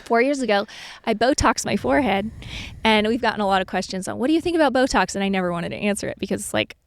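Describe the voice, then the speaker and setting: A woman's voice: medium pitch, lively intonation, fast, creaky. A woman in her twenties, co-hosting a podcast and talking in an earnest, candid, chatty way. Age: 20s. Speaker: podcast co-host. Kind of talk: casual chat.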